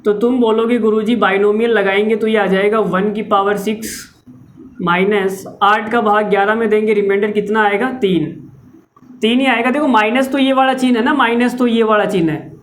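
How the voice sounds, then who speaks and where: A man's voice: high voice, fairly even intonation, moderate pace, fairly bright tone. Chatty, teasing male maths teacher. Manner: chatty, teasing, talks straight to the viewers. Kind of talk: lively lecture with jokes.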